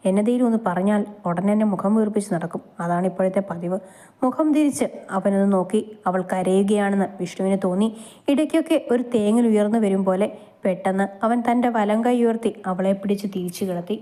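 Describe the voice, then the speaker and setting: Woman reading a love story out loud, soft dark voice, pitches up for the girl's lines. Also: brisk. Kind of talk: reading a romantic story aloud, voicing both characters.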